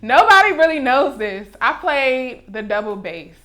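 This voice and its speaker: A woman's voice: high-pitched, a little slow. A woman in her twenties from Maryland, a music artist relaxing into an interview chat in a recording studio and telling her stories with easy laughs. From Maryland, USA. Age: 20s. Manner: relaxed storyteller, laughs easily.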